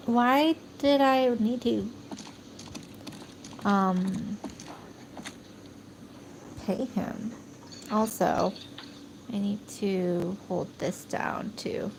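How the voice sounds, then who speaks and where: A woman's voice: on the high side, a little mellow, a little hiss or hum, poor audio. A young adult woman streaming a game, chatty and giggly, reading lines and thinking aloud. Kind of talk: casual let's play commentary.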